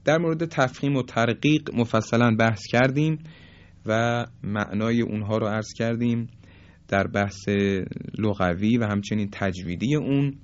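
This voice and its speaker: A man teaching tajweed in a recorded lesson, patiently explaining and slowly demonstrating pronunciations. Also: mid-range voice, no echo, lo-fi sound. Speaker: Quran recitation teacher.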